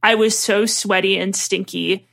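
A woman's voice: mid-range voice, fairly even intonation, measured pace, creaky, fairly bright tone. A young woman co-hosting a podcast, chatting in dry, teasing banter. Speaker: podcast co-host. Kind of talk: casual chat.

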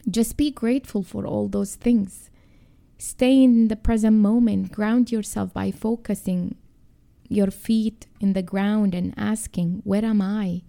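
Calm, gravelly woman guiding grounding exercises. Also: mid-range voice. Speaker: podcast host and mindfulness coach. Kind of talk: calm, guided mindfulness talk with grounding exercises.

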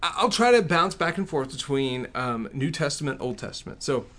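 A man with a West Texas accent and twang, chatting casually as a pastor and co-host in a halting way that repeats words. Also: a little high, lively intonation, a bit bright. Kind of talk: casual conversation.

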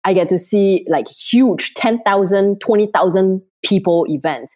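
A Singaporean woman, an event planner, chats casually as an interview guest while nursing a cold and laughing often. Her voice sits at medium pitch with a darkish tone, and she speaks unhurriedly.

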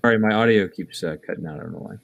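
A man's voice: fairly low pitch, very fast, vocal fry, dry recording, lo-fi sound. A man chatting casually and bluntly over an online call while his audio keeps cutting out and fading. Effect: audio cutting out and dropping in level over an online call. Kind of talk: casual chat.

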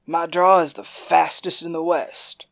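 A woman voicing a boastful, smooth-talking male gunslinger in an audiobook. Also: fairly low pitch, steady tone, unhurried. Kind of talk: audiobook character voice.

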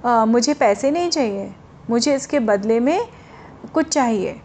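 A woman voicing a loud, stubborn male wood seller who calls out his wares and insists on his terms. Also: fairly high pitch, lively intonation, a little hiss or hum. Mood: insistent. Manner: drawn-out hawker's calls, insistent.

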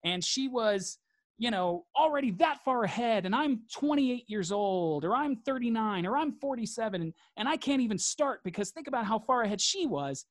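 A man's voice: very high voice, expressive, moderate pace, no echo, studio quality. Earnest man repeating phrases for emphasis. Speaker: interview guest. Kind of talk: reflective conversational interview.

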